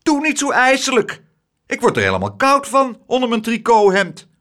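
A man reading a storybook, voicing an excitable, fussy spinster lady with loud, shrill exclamations. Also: a little fast, heavily acted.

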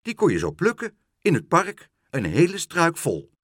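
A man voicing a stern, fussy, house-proud woman in a storybook reading, hurried and self-important. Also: fairly high pitch, huge pitch swings, a bit bright, breathy edge, dry recording, studio quality, pitched above the performer's own voice, full character voice.

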